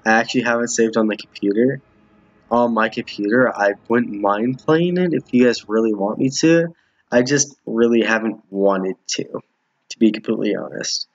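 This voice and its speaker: In a muffled, roomy home recording, a streamer reads visual novel dialogue to his viewers and chats casually about the game, often stumbling or repeating himself. His voice sits on the low side and moves at a normal speed.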